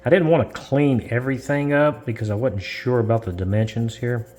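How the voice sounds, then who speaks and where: A man's voice: medium pitch, a little mellow. A man casually walking through a model-building step, rambling and correcting himself as he goes. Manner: slow, rambling, self-correcting, chuckles. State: coughing from dust. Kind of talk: casual how-to narration.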